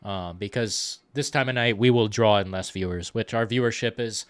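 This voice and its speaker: A man hosting a live stream, chatting casually about films in a rambling, profane, excitable way. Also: lowish voice, moderate pace, smooth.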